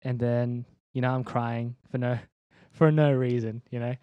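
A man's voice: mid-range voice, little pitch movement, a little slow, no room sound, highs cut off. A young man giving a personal faith testimony in an interview, laid-back and slangy, with many ums and restarts. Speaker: interview guest, church leader.

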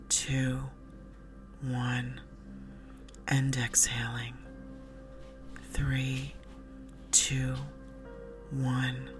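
Slow, hushed, low-voiced woman sleep story narrator. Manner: soothing, hushed, breathy delivery with soft whispery phrase endings. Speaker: guided sleep meditation narrator. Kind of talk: sleep story narrator, guided relaxation script. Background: slow music with drum beat.

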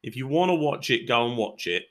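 A man's voice: mid-range voice, animated, fairly quick, a bit bright. A man hosting a combat sports podcast, chatting in an opinionated way with frequent ums and uhs. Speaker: podcast host.

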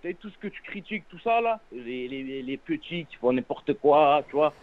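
A man in his twenties speaks with a French suburban accent, heavy on street slang. His voice sits a little high and comes through a narrow, tinny phone line. He is earnest and halting, often doubling back on oaths and words. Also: expressive. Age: 20s. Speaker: phone-in caller.

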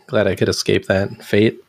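A man presenting on a community show in a casual, halting way, often restarting and clearing his throat. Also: lowish voice, no echo, clean studio sound. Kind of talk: casual chat.

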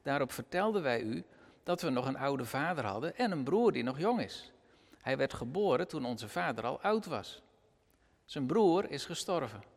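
Gravelly-voiced male preacher, animated. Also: normal speed, in a large hall. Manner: expressive, with wide pitch swings. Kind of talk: Bible reading followed by a sermon.

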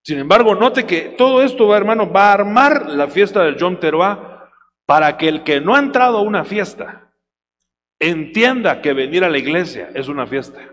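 High, lively male preacher in a reverberant hall. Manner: slow, shouted readings of Bible verses; addresses listeners as brother, teasing them for not saying amen. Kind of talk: sermon. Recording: long hall reverb, faint hum.

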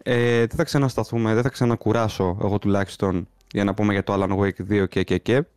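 A man's voice: lowish voice, steady tone, a little mellow, smooth, no room sound, clean studio sound, soft background music. A man with a mainland Greek accent hosting a podcast in casual chat. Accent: Greek, from Greece. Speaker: podcast host.

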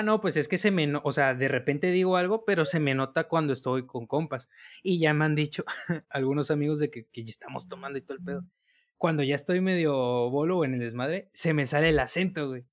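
A young man from Tabasco with a light Tabasco accent, trading stories in a casual chat. His voice sits a little high for a man. His talk is loose and slangy, sprinkled with swearing, and he laughs often. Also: fairly bright tone. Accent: Tabasco Spanish. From Tabasco, Mexico. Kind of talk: casual chat among friends.

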